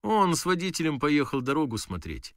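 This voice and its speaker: A man's voice: fairly high pitch, big pitch swings, brisk, no echo, studio quality, voice pushed up. A man voicing naive young male soldiers in an audiobook, answering in a raised, guileless voice.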